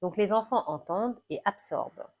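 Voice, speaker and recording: A woman talking through parenting in an animated, explanatory conversation, acting out little examples as she goes. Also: medium pitch, moderate pace. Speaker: guest discussing parenting. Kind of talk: conversational discussion.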